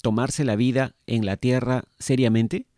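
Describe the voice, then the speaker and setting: A man reading aloud and voicing a calm male hypnotherapist who asks patient, measured questions. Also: medium pitch, dry recording, studio quality, lightly acted. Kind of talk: read-aloud book dialogue.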